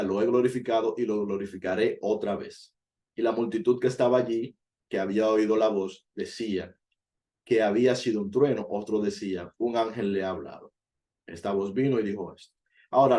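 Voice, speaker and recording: A man's voice: fairly low pitch, mellow. A man giving an earnest Bible study sermon, explaining each point and lifting his voice on key words. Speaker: Bible teacher.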